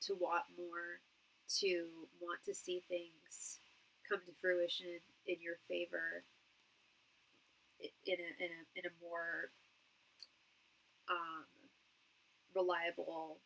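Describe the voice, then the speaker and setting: A woman with a nasal voice giving a live tarot reading to one client, halting and repeating words as she searches for them. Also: lowish voice, pushed and bright, low-quality recording. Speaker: tarot reader and psychic medium.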